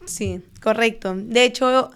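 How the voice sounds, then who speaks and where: Guesting on a conversational interview, this stock trader and finance content creator from Peru is in her 20s. She speaks in a clear, smooth, somewhat high voice, explaining in a measured way with lots of "eh" and "¿no?".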